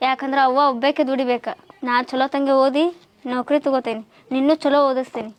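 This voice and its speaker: A woman's voice: high voice, steady tone, a little fast, no echo, close to an everyday voice. A young woman playing a bossy student elder sister, speaking. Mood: firm. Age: young adult. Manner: bossy, reproachful. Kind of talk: village short-film acting.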